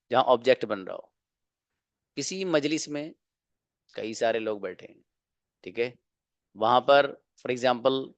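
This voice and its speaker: Man teaching English grammar slowly. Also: mid-range voice, no room sound, muffled recording. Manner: explains slowly, repeating phrases and checking "clear?"; drawls English example sentences word by word. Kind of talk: online grammar lesson.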